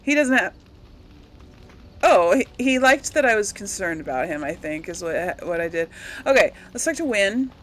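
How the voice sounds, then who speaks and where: This gaming video host keeps her let's play casual, rambling, giggling and hesitating as she addresses viewers and acts out role-played responses. She speaks at a moderate pace in a medium-pitched, fairly bright voice that swings widely in pitch.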